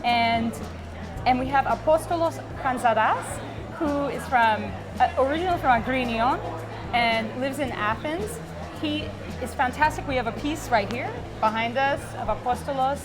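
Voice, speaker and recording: A gallery owner from Dallas, Texas, a native Greek speaker, chats about her background in an interview at an art show, with lots of ums and restarts. Her voice is high-pitched at normal speed, and music and a crowd fill the busy gallery behind her.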